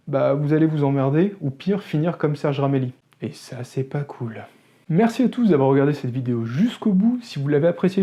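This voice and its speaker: A man's voice: on the high side, dark tone, lo-fi sound. A man hosting a photography channel, talking casually to camera in an opinionated way with wry joking asides.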